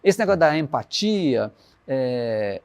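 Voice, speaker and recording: Brief: musician guest, man, 60s, reflective storyteller, mid-pitched voice. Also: very animated, gravelly. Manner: warm storytelling, recites his lyrics slowly. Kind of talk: reflective interview talk.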